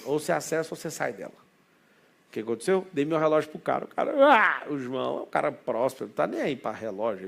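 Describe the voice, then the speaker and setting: A man with a Brazilian Portuguese accent, a business mentor telling an excitable story to a group, full of asides. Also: fairly high pitch, creaky. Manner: excitable, rapid anecdotal delivery with many asides.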